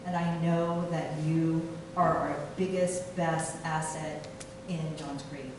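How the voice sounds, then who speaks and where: A middle-aged woman, a city council candidate from Taiwan, giving a halting campaign speech full of fillers and restarts. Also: deep voice, flat delivery. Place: meeting room. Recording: echoey room from far off, noisy.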